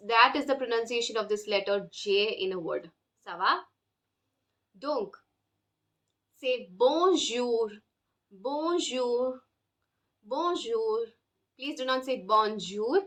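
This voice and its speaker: Speaking in a high, sharp tone, this French teacher takes beginners through a language lesson, patiently explaining and having the listener repeat words after her.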